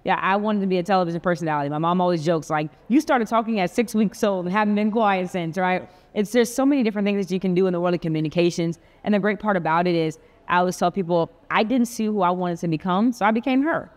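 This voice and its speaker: A woman's voice: on the low side, fast talker, few pauses. A young woman hosting a casual dinner-table interview, upbeat and chatty, with lots of slang. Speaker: host.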